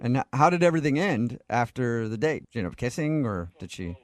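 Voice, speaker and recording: A man's voice: medium pitch, big pitch swings, dry recording. Teasing male radio morning host. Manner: teasing, joking, quick delivery. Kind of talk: casual radio banter. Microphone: studio microphone.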